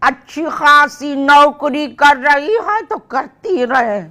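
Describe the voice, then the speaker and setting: A woman's voice: high voice, animated, slow pace, pushed and bright. An older woman with an old plays a scolding mother in a comedy drama, tossing out proverbs as she talks. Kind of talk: scripted comedy drama dialogue.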